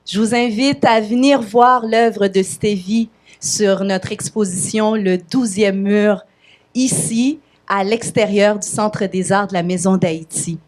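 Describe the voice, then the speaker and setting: A woman hosting a festival event, introducing and interviewing an artist with enthusiastic, warm questions. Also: mid-range voice, fairly even intonation, takes it slowly. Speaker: festival host.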